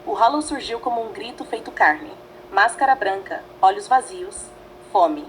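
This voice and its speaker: A woman narrating a fanfiction story in a dramatic, measured way, reading in short phrases. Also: medium pitch, animated, slight background noise, rough recording.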